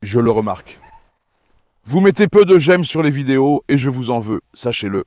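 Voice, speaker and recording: A man's voice: medium pitch, lively intonation, normal speed, darkish tone, dry recording. A man hosting a casual dog vlog, talking to his dogs and to the camera, coaxing and affectionate with the animals and pleading with viewers. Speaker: dog breeder and vlog host.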